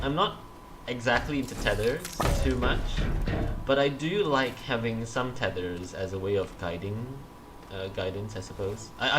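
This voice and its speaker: A man with a lowish voice co-hosts a casual gaming livestream, groggy from having just woken up, against a noisy background. He laughs often and keeps restarting his sentences.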